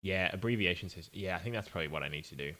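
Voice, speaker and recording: A man's voice: low-pitched, rapid-fire, bright, forceful tone. A young man streaming as an indie game developer, muttering and thinking aloud in a casual, apologetic way. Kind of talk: casual live-stream chat while coding.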